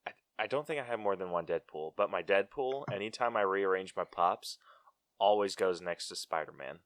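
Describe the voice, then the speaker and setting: A man's voice: sits low, normal speed, dry recording, clean studio sound. A man chatting casually on a podcast in an easygoing, teasing way. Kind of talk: casual chat.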